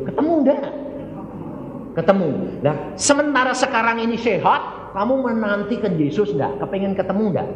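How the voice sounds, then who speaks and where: Animated preacher in an echoey church hall. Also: male voice, sits high. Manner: animated, with many rhetorical questions to the congregation. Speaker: evangelist preacher. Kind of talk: sermon. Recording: echoey hall, dull sound, faint noise.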